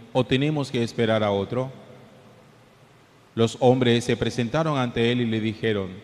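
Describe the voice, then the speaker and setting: Man, priest, homily at Mass, measured delivery, middle pitch, long cathedral reverb. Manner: measured, deliberate preaching. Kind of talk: Gospel reading and homily at Mass. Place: large church. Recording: long church hall reverb.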